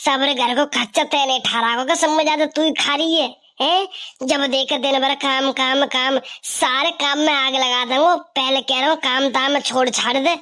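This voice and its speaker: A woman's voice: high-pitched, steady tone, moderate pace, pushed and bright. A woman voicing a coaxing village husband. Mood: scolding. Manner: coaxing, insistent. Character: young village husband, doting and pleading.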